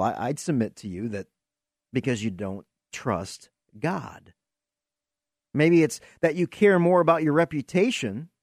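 Slow, earnest man preaching on a podcast. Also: on the high side, darkish tone, dry recording, studio quality. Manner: earnest, asks rhetorical questions, repeats words as he searches. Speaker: podcast host and Bible teacher. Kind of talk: preaching-style Q&A teaching.

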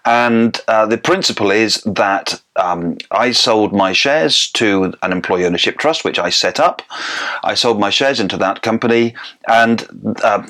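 A man's voice: fairly low pitch, unhurried, sharp tone. A middle-aged man talking casually as an interview guest in a wooden garden cabin, informal and self-deprecating. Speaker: interview guest, business consultant. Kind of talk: casual conversational explanation.

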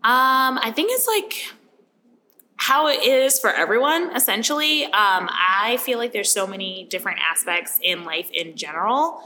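A woman's voice: fairly high pitch, animated, moderate pace, sharp tone, a little hiss or hum, low-quality recording. A woman who manages marketing and events for a restaurant, chatting casually on a podcast with many fillers. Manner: chatty, heavy use of "like".

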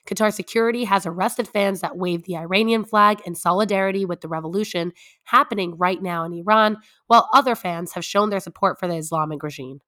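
A young woman talks as a podcast co-host in a conversational way. Her voice is hoarse and raspy, worn down by a cold until it is nearly gone. The pitch sits in an ordinary middle range for a woman. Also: brisk, fairly bright tone. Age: young adult.

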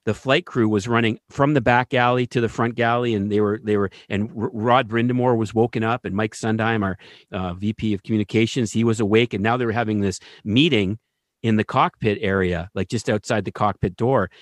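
A man telling a story in casual conversation, animated and often checking in with the listener. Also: fairly low pitch, brisk, dry recording, clean studio sound. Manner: animated, keeps asking "right?".

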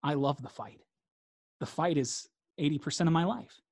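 A man's voice: a little high, normal speed, a little mellow, no room sound, clean studio sound. A man, a guest in a reflective interview, talking earnestly and repeating phrases for emphasis.

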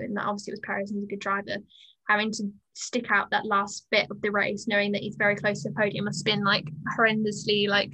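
A woman co-hosting a chatty podcast, her voice bright and fairly even in pitch. She talks in an opinionated, easygoing way and laughs often. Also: rough recording. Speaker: podcast co-host. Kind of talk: casual chat.

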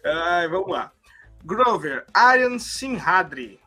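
A man's voice: high voice, sing-song, slow, bright, forceful tone, faint music behind. A Brazilian man hosting a podcast in a casual chat, moving the topics along with joking, ironic asides. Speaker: podcast host.

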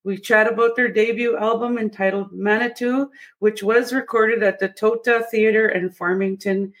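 A woman with a Cree accent hosting a casual livestream interview, speaking haltingly and often repeating words. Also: mid-range voice, fairly even intonation, low-quality recording. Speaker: show host.

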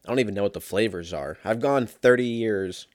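Low-energy man rambling on his podcast. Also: fairly quick, dry recording, studio quality. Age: 30s. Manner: rambling, profane, laughs often. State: low energy after being sick. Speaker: podcast host. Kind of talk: casual solo podcast chat.

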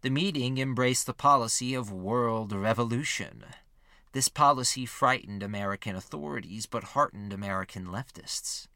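A man giving scripted narration for a history podcast, measured and steady, reading quotes with lifted emphasis. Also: mid-range voice, no room sound, studio quality.

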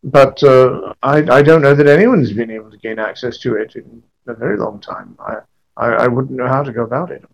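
A timid, down-on-his-luck scribe, acted by a man in a tabletop game. He stammers and hesitates, apologetic and glum, in a mid-pitched voice. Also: fairly quick, gravelly, rough recording. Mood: hesitant, gloomy. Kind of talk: tabletop role-play.

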